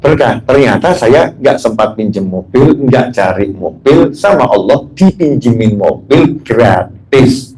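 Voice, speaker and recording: A man's voice: mid-range voice, expressive, a little slow, hardly any pauses, a little mellow, rough recording. Indonesian guy preaching, jokey storytelling, keeps asking the crowd stuff. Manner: anecdotal and joking, asks the audience questions. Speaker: habib preacher. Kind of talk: religious talk.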